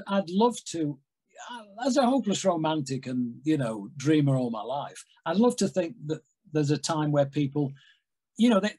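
A man in his sixties from England, a music industry guest telling stories in a rambling, animated way on a video call from home. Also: a little high, breathy edge, poor audio. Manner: animated, rambling storyteller with big hand gestures. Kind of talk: casual interview chat. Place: home room with framed records on wall.

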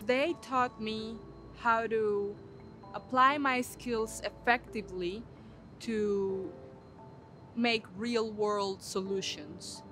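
A young woman speaks slowly and deliberately, with a slightly high voice. Faint music plays underneath her. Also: fairly even intonation, fairly bright tone. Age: young adult. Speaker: graduate student. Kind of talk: interview testimonial. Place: outdoors on campus walkway.

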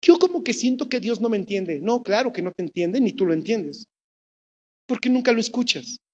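Animated Mexican woman preacher. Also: a little high, moderate pace, slightly rough, muffled recording. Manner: animated storytelling, asks the congregation questions. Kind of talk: sermon.

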